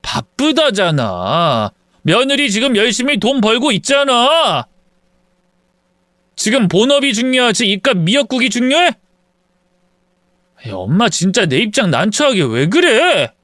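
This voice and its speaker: A man's voice: extremely high pitch, very animated, a little slow, a bit bright, no room sound, studio quality, pitched above the performer's own voice, full character voice. A man voicing an irritated grown son who answers his mother with curt, impatient retorts in a story reading.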